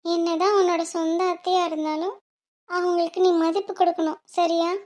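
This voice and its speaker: A caring middle-aged mother gives advice in a lecturing way in a cartoon, voiced by a woman. Her voice is very high. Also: flat delivery, moderate pace, darkish tone. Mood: advising. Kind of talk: cartoon voice acting.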